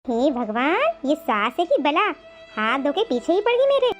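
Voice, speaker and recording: A woman voicing a sharp-tongued young daughter-in-law in a cartoon, scolding and snappy. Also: high-pitched, sing-song, moderate pace. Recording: slightly dull, music behind.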